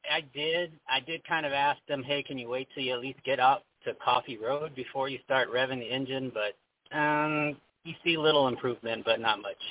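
A man's voice: mid-range voice, steady tone, normal speed. A man calling in to a radio show over a phone line, chatting casually and complaining mildly in an easygoing way. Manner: easygoing, mild-mannered complaining. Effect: caller heard over a phone line. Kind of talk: casual call-in chat. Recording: tinny dry phone line.

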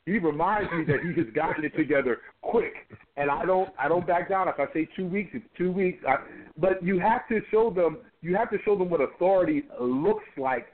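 A man's voice: high voice, animated, a little fast. A man in his forties, a pastor being interviewed, talking emphatically and often repeating words as he builds a point. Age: 40s. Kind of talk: conversational interview. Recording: tinny phone-line audio.

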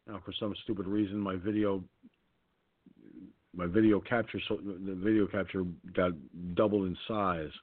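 A man's voice: low-pitched, little pitch movement, moderate pace, no room sound. A man hosting an online radio talk show, blunt, indignant and swearing as he reads the news. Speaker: host. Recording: dry, phone-like sound.

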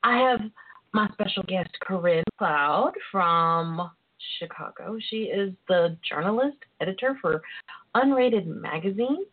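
A woman's voice: mid-range voice, animated, a little slow. A woman with a Southern US accent hosting a radio talk show, chatting in a casual, bawdy, playful and sassy way. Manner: playful, sassy, calls listeners pet names. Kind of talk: casual, bawdy girls'-night chat. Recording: muffled internet phone-in radio sound.

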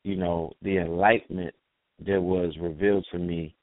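A man in his forties hosting a radio talk show, speaking in a relaxed, laid-back way with drawn-out phrasing. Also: low voice, no echo. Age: 40s. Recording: dry phone-line call audio.

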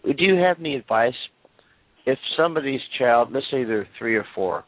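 A man's voice: mid-range voice, animated, moderate pace, no room sound. Hesitant male radio host on a dry phone line. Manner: meandering, hesitant questions. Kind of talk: radio interview.

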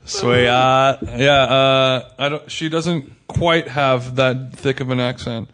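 A man's voice: medium pitch, level tone, takes it slowly, fairly bright tone. Rambling man in casual podcast chat. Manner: rambling, hedging with fillers. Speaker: podcast co-host.

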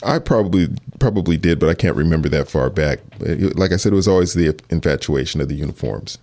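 Very deep-voiced, halting police detective. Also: male voice, expressive, darkish tone. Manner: earnest, hesitant, halting restarts. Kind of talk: interview answers.

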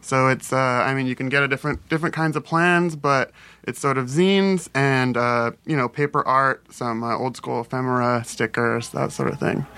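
A man's voice: mid-range voice, moderate pace, pushed and bright, clear, resonant tone. A man who is a podcast guest, chatting casually in an easygoing, jokey way and often laughing. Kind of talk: casual chat.

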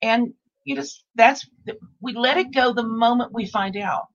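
Rambling with many restarts and repetitions, the sixty-something host chats casually on her podcast. She talks unhurriedly in a slightly high voice, captured with dull audio.

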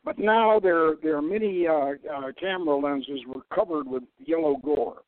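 A man with a fairly high voice reads dramatically at a normal pace from his own satirical science fiction novel, now and then stumbling over words and correcting himself. He is the host, and the sound is lo-fi, like a phone-line radio feed, with no echo.

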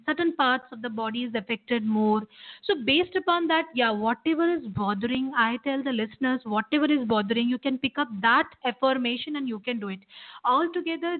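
A woman with an Indian accent explaining as a meditation teacher, repeating phrases for emphasis. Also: high voice. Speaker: meditation teacher and guest expert. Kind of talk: explanatory interview talk, guiding meditation. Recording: tinny, narrow phone-line sound.

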